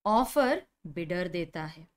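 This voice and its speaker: A woman's voice: lowish voice, animated, takes it slowly. A woman in her thirties with an Indian accent, giving a video lecture as a commerce teacher and acting out little scenes with her students. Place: indoor studio.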